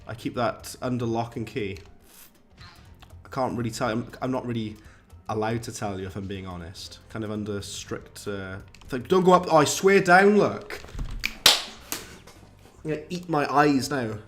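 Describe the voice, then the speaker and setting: A man's voice: on the low side, moderate pace, soft background music. A young man chatting and joking as he streams a game. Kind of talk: casual live-stream commentary.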